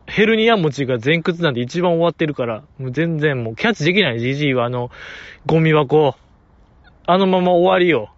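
A man's voice: on the high side, expressive, a little fast, dry recording, highs cut off. A man with a Kansai accent hosting a casual solo podcast, playfully teasing his listeners and laughing often. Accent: Kansai Japanese. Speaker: podcast host.

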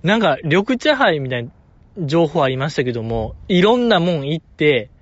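A man with a Kansai accent talks alone, playful and exaggerated, full of joking asides. His voice sits a little high. The recording is dry and dull, a bit lo-fi. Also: sing-song, moderate pace, no echo. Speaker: fan commentator. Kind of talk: casual solo talk.

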